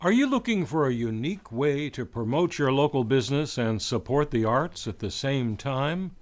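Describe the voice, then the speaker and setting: A man's voice: medium pitch, animated, normal speed. A man reading a scripted radio advertisement as an announcer.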